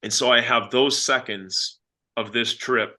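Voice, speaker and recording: Man, podcast guest, bright forward voice, earnest storytelling, fillers, mid pitch. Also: unhurried. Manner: earnest, animated retelling with fillers. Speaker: guest hunter and filmmaker. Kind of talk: reflective storytelling.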